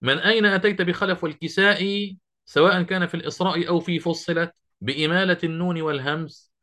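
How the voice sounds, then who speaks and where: A middle-aged man teaching Quran recitation to a class, quizzing students and slowly quoting verse lines. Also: on the high side, fairly even intonation, bright, forceful tone. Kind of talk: classroom lesson.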